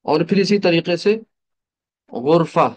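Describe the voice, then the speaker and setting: A man's voice: mid-range voice, expressive, measured pace. A man teaching an online class, explaining step by step, asking rhetorical questions and mixing English terms into his explanations. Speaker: Arabic teacher.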